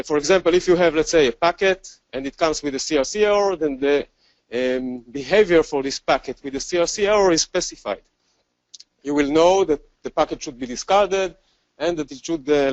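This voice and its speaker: A man with an Israeli accent giving a technical conference talk, relaxed and self-deprecating, with many fillers and restarts. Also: on the high side, dry recording, muffled recording. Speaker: conference speaker.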